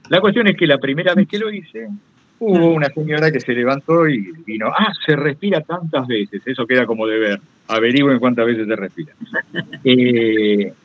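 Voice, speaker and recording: A guest storyteller with a Rioplatense Argentine accent gives a talk, casually telling anecdotes in a digressive way and acting out what people said. His voice is medium-pitched and the sound is lo-fi.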